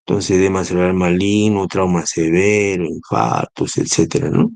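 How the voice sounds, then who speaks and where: Gravelly low-voiced man teaching medicine. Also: steady tone, moderate pace, darkish tone, dry recording. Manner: explanatory, spells out acronyms, asks rhetorical "¿no?". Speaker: neurosurgery lecturer. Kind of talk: recorded medical lecture.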